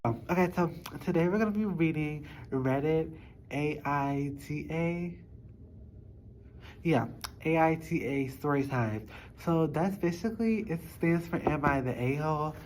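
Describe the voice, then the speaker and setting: A woman's voice: deep voice, measured pace, sharp tone, a little hiss or hum, low-quality recording. A young woman vlogger chatting informally to her viewers in a small study room, with loose articulation. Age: young adult. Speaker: YouTube vlogger. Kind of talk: casual chat to viewers.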